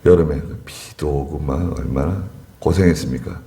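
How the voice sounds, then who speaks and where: A man's voice: extremely low pitch, normal speed, creaky, dark tone. A male pastor preaching a sermon in church, telling stories with chuckling asides. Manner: anecdotal storytelling, chuckling asides.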